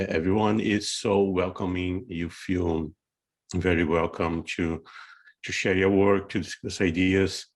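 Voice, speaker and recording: Man, low voice, stumbling, repeats words, casual voice chat.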